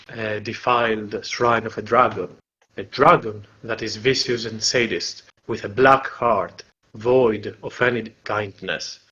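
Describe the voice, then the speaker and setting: A man's voice: fairly low pitch, a bit bright, highs cut off, voice pushed down. A man voicing a wise, solemn dragon-like patron creature who speaks like an old sage in a tabletop game.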